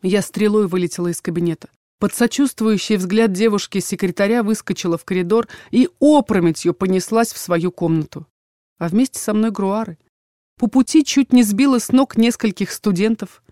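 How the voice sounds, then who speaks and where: A woman narrating a first-person audiobook in a steady storytelling delivery. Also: medium pitch, moderate pace, no room sound, studio quality.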